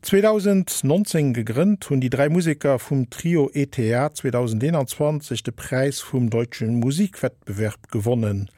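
A man reading a scripted radio news introduction in an even way. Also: medium pitch, dry recording, clean studio sound. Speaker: radio presenter.

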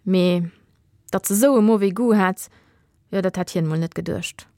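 A woman narrating a children's radio story in a lively reading voice, giving the characters their own voices. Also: medium pitch, moderate pace, no echo, clean studio sound.

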